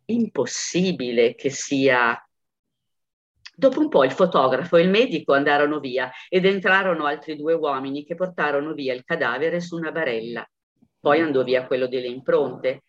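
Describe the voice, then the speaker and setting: A woman reading a short story aloud in a measured, expressive storytelling manner. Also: sits low. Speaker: audiobook reader. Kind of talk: scripted narration. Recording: dull lo-fi recording.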